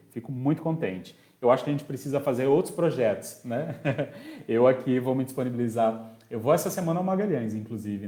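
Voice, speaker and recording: A special education teacher running an online parenting course speaks conversationally in a warm, mellow, medium-pitched voice. He reads viewers' comments aloud, answers them, and keeps checking in with tag questions. The room is echoey, with a clear bounce off the walls.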